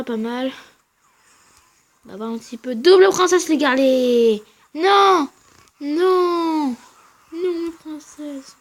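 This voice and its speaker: A woman giving casual, slangy commentary over her own gameplay, talking quietly and then shouting at big wins and losses. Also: a little high. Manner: speaks quietly between outbursts. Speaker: gaming channel host.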